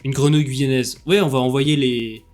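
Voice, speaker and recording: Un homme qui commente un jeu en direct sur un ton vif et blagueur, avec beaucoup d'hésitations. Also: male voice, mid-range voice, moderate pace, soft background music. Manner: lively, joking, with many fillers. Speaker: streamer. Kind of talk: commenting a game live with jokes.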